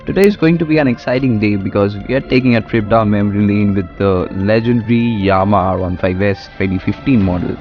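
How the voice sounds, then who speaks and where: A man's voice: on the low side, fast talker, hardly any pauses, highs cut off, faint music behind. A man giving enthusiastic, chatty motovlog commentary as he rides, recorded on a helmet mic. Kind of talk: casual motorcycle vlog commentary while riding. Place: outdoors on a motorcycle in city traffic.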